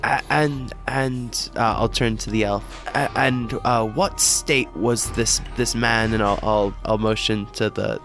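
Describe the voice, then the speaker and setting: A man's voice: mid-range voice, fairly bright tone. Stammering man playing a tabletop game. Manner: stammering, repeats words. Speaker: player.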